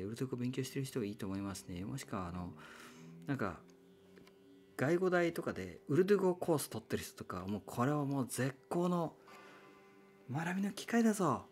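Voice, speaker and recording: A man's voice: mid-range voice, darkish tone. A man talking casually on his own as a musician recruiting singers, chatty and often correcting himself. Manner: chatty, self-correcting, sings short chant lines to demonstrate. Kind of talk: casual solo talk.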